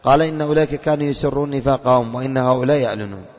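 A man's voice: mid-range voice, racing. A male religious teacher giving a classroom lesson, quizzing his students and repeating their answers back to them. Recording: long reverb, dull lo-fi.

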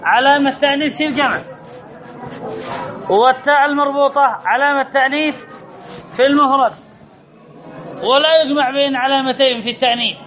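High-voiced male teacher quizzing a class. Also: a little fast, pauses often. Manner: repeats rules, quizzes listeners with questions. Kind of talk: classroom grammar lesson. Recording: dull lo-fi recording with audience murmur.

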